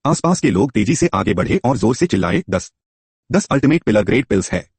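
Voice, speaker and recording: A man's voice: mid-range voice, big pitch swings, fairly quick, creaky, a little mellow, breathy edge, no room sound. A man narrating a story in a scripted telling and voicing its characters himself.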